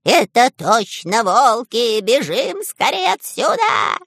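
A cowardly little spy whines and squeals with fright, as a woman puts him on. His complaints come out low and creaky, then jump up when he gets scared. The storybook recording is dry. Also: very animated, takes it slowly, fairly bright tone, no room sound, exaggerated voice. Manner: whiny, easily frightened. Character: cowardly whiny male spy.

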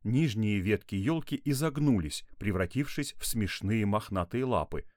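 A man narrating a playful children's tale in an expressive way. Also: on the low side, moderate pace, no room sound, studio quality. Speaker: storyteller.

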